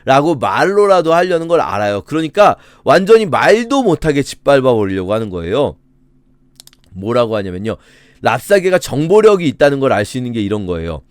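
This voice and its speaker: A man preaching a sermon as a pastor, telling the story in an animated, dramatic way. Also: medium pitch, brisk, smooth, no echo.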